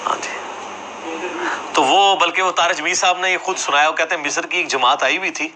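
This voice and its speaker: A man's voice: on the high side, fairly even intonation, background noise. A man giving a classroom religious lecture, explaining points conversationally and checking that listeners follow. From Jhelum, Punjab, Pakistan. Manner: conversational, explanatory, asks for agreement with tag questions.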